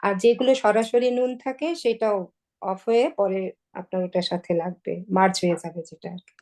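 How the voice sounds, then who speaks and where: A woman's voice: medium pitch, steady tone, moderate pace, dark tone. Woman student asking questions. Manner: asks questions, checks her understanding. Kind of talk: lesson conversation.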